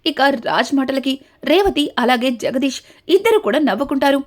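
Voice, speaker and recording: A woman narrating a steady, story-style recap of a TV serial episode, linking each event to the next. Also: sits high, normal speed. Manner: steady retelling, links events with repeated connectives.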